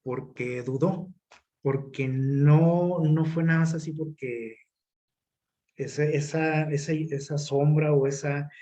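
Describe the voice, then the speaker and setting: A man's voice: on the high side, fairly even intonation, slow, warm tone. A man, preaching a sermon in a casual style, often asking his listeners questions, with many fillers and restarts. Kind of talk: conversational sermon.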